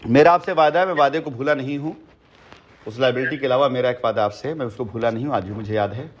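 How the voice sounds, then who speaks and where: A fast-talking man with a mid-range voice, the head of a company, speaks to a customer on a phone line. He makes his case earnestly and emphatically at length, circling back to the same points again and again.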